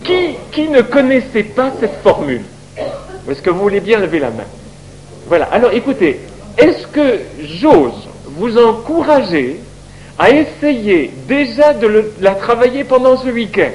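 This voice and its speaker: High, lively male Bible teacher. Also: measured pace, rough recording. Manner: lively, questions the audience.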